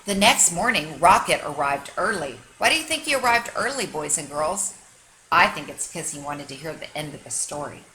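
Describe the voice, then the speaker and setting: A kindergarten teacher reads a children's story aloud with expressive, emphatic, teacherly delivery pitched to young kids. Her voice is deep, bright and forceful, with lively intonation at normal speed. The audio is poor, carrying a little hiss or hum.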